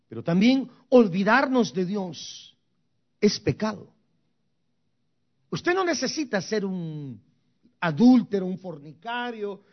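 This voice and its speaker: A man's voice: high-pitched, highs cut off. A man preaching a sermon, speaking emphatically and straight to the congregation, slipping into English phrases now and then. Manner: emphatic, addresses the congregation directly. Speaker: pastor.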